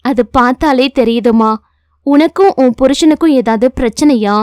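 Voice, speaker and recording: Woman voicing a kind village woman in her 30s, soft, lowered voice, gentle but firm, dry close sound. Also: normal speed, dry recording, close to an everyday voice. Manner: gentle and soothing, firm with others.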